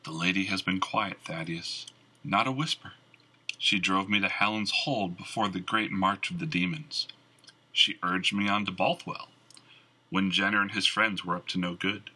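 A noble, brooding knight with formal, measured speech, read by a man. The voice is lowish, bright and a little husky, with a lively rise and fall. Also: full character voice, poor audio. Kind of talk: audiobook character reading.

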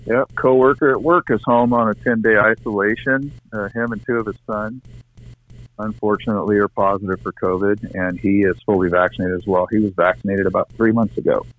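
A man's voice: lowish voice, steady tone, a little fast, rough recording. A middle-aged man co-hosting a casual political chat, giving emphatic opinions in a conversational way. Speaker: co-host.

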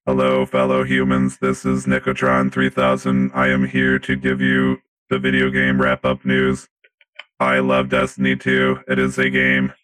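A man doing a deep, deadpan robot stand-in. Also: measured pace. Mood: deadpan robotic. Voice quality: flat, clipped robotic delivery in short sentences. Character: robot stand-in posing as a missing co-host, stiff and deadpan. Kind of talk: comedic podcast bit.

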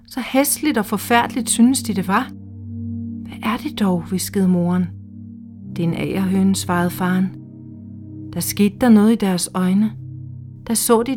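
A woman reading a literary short story aloud in a slow, hushed, measured way. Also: medium pitch. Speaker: reader. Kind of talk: scripted literary narration. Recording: faint music underneath.

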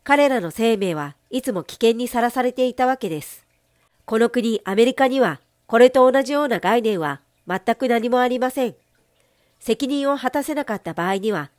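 A woman giving a steady, measured, formal reading of a translated sermon. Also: fairly high pitch, no room sound, studio quality.

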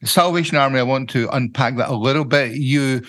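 A man's voice: mid-range voice, fairly quick, a bit bright. An older man with a Scottish accent hosting a church podcast, introducing and interviewing his guest. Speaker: podcast host, church mission director.

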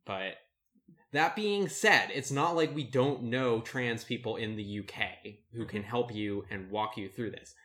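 A man co-hosting a podcast, giving advice in relaxed casual chat with many fillers and restarts. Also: medium pitch, unhurried. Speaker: podcast co-host.

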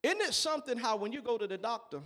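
A man preaching a sermon with repeated phrases and rhetorical questions, his delivery swinging between hushed and loud. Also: very high voice, animated, fast, over a noisy crowd.

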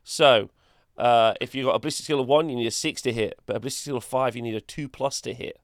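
A man's voice: mid-range voice, fast talker, no echo, studio quality. A man co-hosting a casual tabletop gaming podcast, reading rules aloud and talking hesitantly with many fillers. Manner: hesitant, filler-heavy, laughs easily. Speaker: co-host.

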